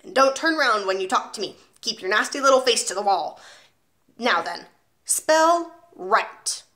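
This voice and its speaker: A woman's voice: mid-range voice, animated, moderate pace. Woman doing the bellowing Trunchbull. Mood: scornful. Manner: barking, loud, contemptuous. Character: bellowing tyrannical giant headmistress, woman.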